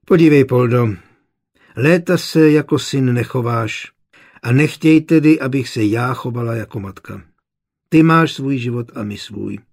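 A man voicing an unforgiving older mother in an audiobook, with a gravelly, husky voice. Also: mid-range voice, darkish tone. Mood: cold, stern. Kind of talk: audiobook character reading.

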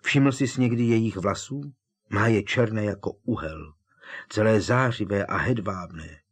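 A glum teenage wizard boy, lost in lovesick daydreams. A man reads him in a deep, breathy voice, sighing through his words in a storybook reading. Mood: dreamy.

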